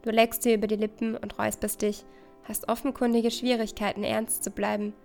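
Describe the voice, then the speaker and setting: A woman's voice: mid-range voice, little pitch movement, fairly quick, creaky, a little mellow, soft background music. A woman reading a second-person story aloud in an intimate, conversational way.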